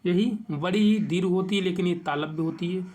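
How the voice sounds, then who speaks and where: A man teaching an exam-prep grammar lesson, reading out definitions and slowly stretching each vowel he lists. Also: high voice, darkish tone.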